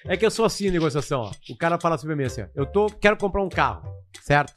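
A man, co-hosting a comedy podcast and bantering with quick, teasing wisecracks. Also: fairly high pitch, lively intonation, fairly bright tone, soft background music. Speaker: podcast co-host. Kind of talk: comic banter.

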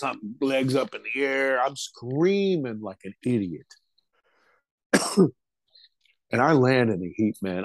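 A man's voice: medium pitch, darkish tone, no echo. Man telling a story with casual swearing. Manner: casual, swears freely, vivid retelling of a childhood experience. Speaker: interview guest. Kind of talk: storytelling in a podcast interview.

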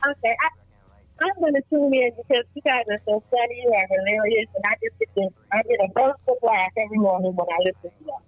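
A middle-aged woman calling in over a phone line, gushing and halting with fillers as a caller to a morning show. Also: fairly high pitch, slightly rough, dry recording. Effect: heard over a phone line. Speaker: caller, mother of a host. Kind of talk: call-in chat. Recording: distant phone call, dry.

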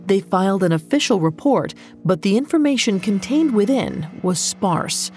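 A woman's voice: medium pitch, lively intonation, darkish tone. Suspenseful female true-crime narrator over music. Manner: measured suspenseful crime show storytelling. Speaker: podcast host and narrator. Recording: music under the voice. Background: background music.

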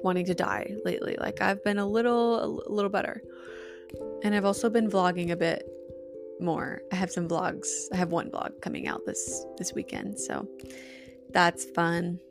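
A woman's voice: lowish voice, moderate pace, gravelly, over music. A young woman with a Utah accent hosting her own podcast in a casual, candid way, giggling and swearing freely as she chats. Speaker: podcast host. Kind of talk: casual solo podcast chat.

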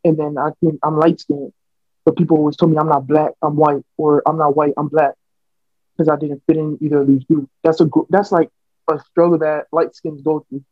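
A young American man co-hosts a podcast, chatting casually and working through his thoughts in an earnest, rambling manner with many restarts. His fairly high voice stays flat and even at a brisk pace. The dry, dull recording sounds like a home podcast setup.

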